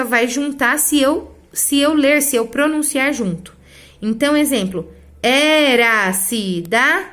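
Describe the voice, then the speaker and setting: A woman teacher explains a lesson step by step, often checking in with her students. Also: a little high. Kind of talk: online class lesson.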